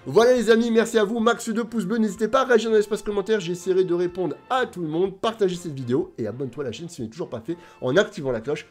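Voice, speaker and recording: Male video host, casual and animated, talks right to the audience, slightly high voice. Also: fast, few pauses. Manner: chatty, animated, addresses viewers directly. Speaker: YouTube host.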